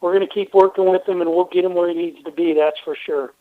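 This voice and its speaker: A man's voice: high-pitched, steady tone, fast, dry recording. A man, a race team owner, talking through a radio interview by phone, explaining steadily with lots of "uh" fillers. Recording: tinny phone line.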